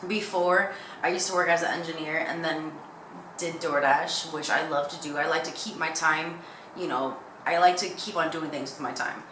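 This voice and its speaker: A young woman talks to her viewers in a casual, candid vlog style, wandering between thoughts. Her voice sits a little low but has a bright, forceful edge. She is recorded in an echoey room with faint noise behind her. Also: fairly even intonation, moderate pace. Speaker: YouTuber.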